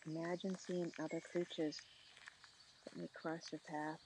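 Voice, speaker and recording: A soothing guide narrating a meditation in short, slow phrases with long pauses. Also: medium pitch, little pitch movement, a little mellow, rough recording. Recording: clear outdoor nature noise, birdsong.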